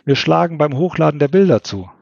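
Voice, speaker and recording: Ein Mann, der einen tatendurstigen Teenager-Jungen voller Pläne liest. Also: male voice, fairly high pitch, lively intonation, brisk, creaky, a little mellow, no echo, muffled recording, voice pushed up. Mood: eager. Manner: eager. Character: eager teenage boy, full of plans.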